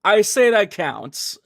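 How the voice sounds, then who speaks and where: With background music playing, a man livestreams and rambles conversationally to his viewers. His voice is high-pitched, gravelly, and a bit bright, captured in a dry, studio-quality recording.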